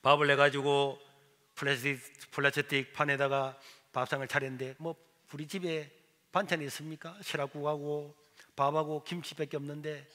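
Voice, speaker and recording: A man's voice: a little high, moderate pace. A male pastor with a Gyeongsang accent preaching a sermon, telling a story animatedly. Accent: Gyeongsang Korean. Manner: animated storytelling, acting out voices. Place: church sanctuary. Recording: long church hall reverb.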